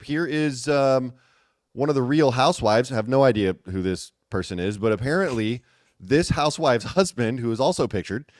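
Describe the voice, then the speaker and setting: A man hosting a casual gossip commentary chat, talking in an animated, teasing way with emphatic repetition. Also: medium pitch, dry recording, clean studio sound. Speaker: host.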